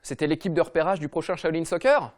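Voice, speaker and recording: A man tears through a comic rant at breakneck speed. His voice sits a little high, and his delivery is mocking and slangy. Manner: mocking, slangy, rapid-fire. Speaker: comedy football podcast host.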